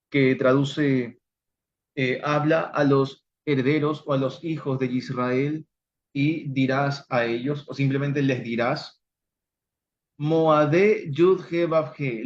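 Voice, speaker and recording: A man teaching an online Bible study, slowly and deliberately sounding out Hebrew words for his listeners. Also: mid-range voice, steady tone, lo-fi sound, slight background noise.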